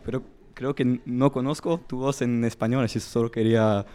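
Hesitant man with a mellow voice. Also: mid-range voice, steady tone. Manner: hesitant, halting. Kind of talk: audience question at live talk. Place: bar with audience.

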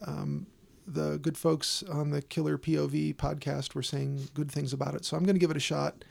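A man's voice: a little high, flat delivery, moderate pace, vocal fry, darkish tone. A man hosting a casual film podcast in a wry, joking way. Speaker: podcast host.

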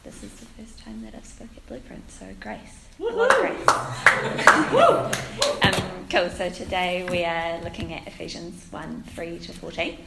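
Croaky young New woman with creaky starts. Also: fairly low pitch, moderate pace, hardly any pauses. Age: 20s. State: has a cold, croaky voice. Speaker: guest speaker at a church. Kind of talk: informal sermon with scripture reading. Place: echoing church room, handheld microphone. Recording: roomy echo with faint noise.

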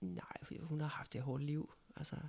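A woman's voice: low voice, gravelly, warm tone, husky. A middle-aged woman telling personal stories in casual conversation, candid and matter-of-fact. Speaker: guest, mother of the host.

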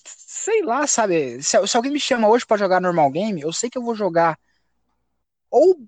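A male podcast host in a loose, casual chat. His voice leaps up and down in pitch as he tells a story. He swears freely, and the sound is close and dry with no room echo. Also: normal speed. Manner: profane, animated storytelling.

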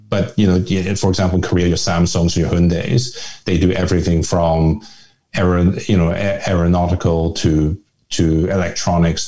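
A deep, mellow-toned man from Northern Ireland speaks as a guest in a conversational interview. He is middle-aged and reflective, and he wanders through his thoughts with frequent restarts. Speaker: guest, family office chairman.

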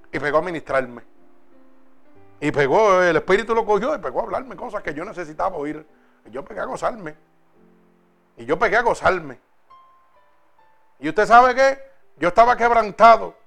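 Preaching a sermon and sharing his own testimony, a man swings between loud exhortation and hushed storytelling. His voice is high-pitched and gravelly.

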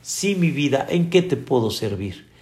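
A man voicing a gentle, endlessly patient old sage in a soft, hushed voice, within a sermon. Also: mid-range voice, sing-song, measured pace, pitched below the performer's own voice. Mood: tender, patient. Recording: echoey room.

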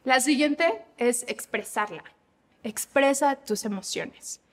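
Animated woman, devotional talk. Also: sits high, slow, in a large hall. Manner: animated, acts out examples with voices.

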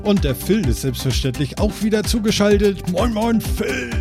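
A man's voice: high voice, sing-song, moderate pace, vocal fry, music in the background. Jokey rambling male podcast host. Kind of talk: casual chat.

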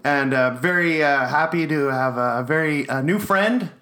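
A man's voice: fairly high pitch, normal speed, sharp tone. A Canadian man hosting a podcast, chatting casually and rambling with lots of fillers and jokes. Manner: rambling, filler-heavy, jokey. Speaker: podcast host. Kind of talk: casual chat.

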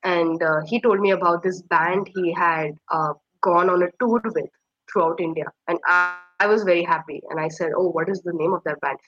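Speaking at normal speed in a lowish voice with fairly even intonation, a young woman from Kashmir shares a personal story as an interview guest. She sounds hesitant and reflective, with lots of fillers, on a slightly muffled dry recording.

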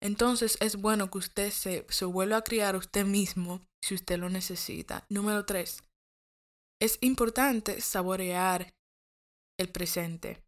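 A woman's voice: medium pitch, takes it slowly. Woman giving casual podcast advice. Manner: casual, direct advice with self-corrections and repetition. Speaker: podcast host. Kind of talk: motivational podcast monologue.

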